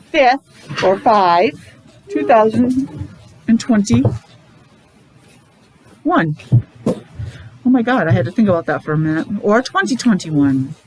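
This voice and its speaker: A slightly high-voiced American woman from New England coaxes preschoolers through an interactive lesson, repeating simple phrases in a sing-song way. The recording is low quality, with a little hiss or hum.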